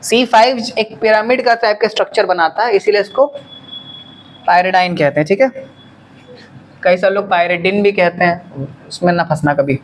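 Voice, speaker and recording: A man's voice: high voice, brisk, slight background noise. Man teaching chemistry to a class. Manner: quizzing students, answering own questions. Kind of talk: classroom lecture.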